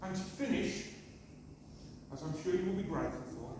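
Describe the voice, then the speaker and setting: A man's voice: high-pitched, lively intonation, fairly quick. A middle-aged man giving a prepared wedding speech and toast as father of the bride, in short phrases. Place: large reception hall. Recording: very echoey noisy hall, far from mic.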